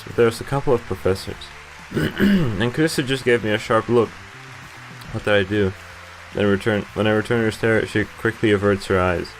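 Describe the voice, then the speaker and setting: In poor audio, a gaming video host with a fairly low voice reads game narration aloud during a playthrough, tossing in casual comments. He's in his twenties, recording in an indoor room with a webcam in the corner.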